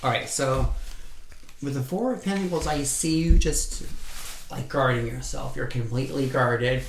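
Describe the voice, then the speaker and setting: A man's voice: medium pitch, normal speed, gravelly. Guy doing a tarot reading, cusses a lot, repeats himself, echoey room w faint hiss. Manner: blunt, swears freely, repeats himself for emphasis. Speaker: tarot reader. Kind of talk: casual pick-a-card tarot reading.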